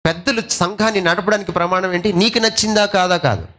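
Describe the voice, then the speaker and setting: A male pastor preaching a sermon, asking rhetorical questions, slipping English phrases into his talk, and swinging between loud and soft delivery. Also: sits high, lively intonation, fairly quick.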